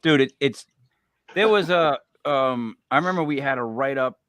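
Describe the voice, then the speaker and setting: A podcast host chats casually, an animated storyteller who rambles through stories and laughs frequently. His medium-pitched voice keeps a moderate pace, with no echo.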